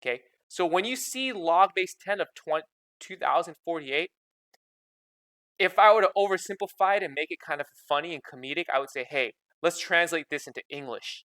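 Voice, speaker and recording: A man explains math in a loose, conversational way, checking in with his listeners at every step. His voice is bright and forward. The recording is close and dry, with almost no room sound. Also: high-pitched, animated, a little fast, no echo. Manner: repeats "okay?" constantly, chatty and informal. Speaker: math teacher. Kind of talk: casual explanatory lesson.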